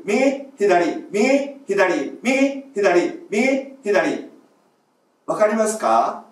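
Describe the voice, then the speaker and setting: A male music teacher giving a video lesson on breathing exercises, calling out short, loud counts as he demonstrates. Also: fairly high pitch. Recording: roomy echo, distant mic.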